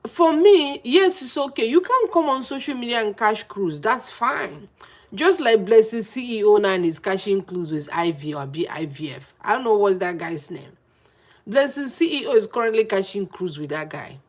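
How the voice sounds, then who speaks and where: A woman's voice: medium pitch, animated, normal speed. A woman with a blocked nose, chatting to camera as a vlogger and repeating her points for emphasis. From Nigeria. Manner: emphatic, repeats phrases for effect. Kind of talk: casual chat to camera.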